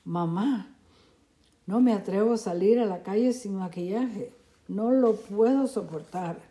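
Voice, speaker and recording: A woman's voice: mid-range voice, unhurried, dark tone, natural voice. Woman reading as a fussy, vain teenage girl. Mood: complaining. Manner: complaining, dramatic. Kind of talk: storybook reading.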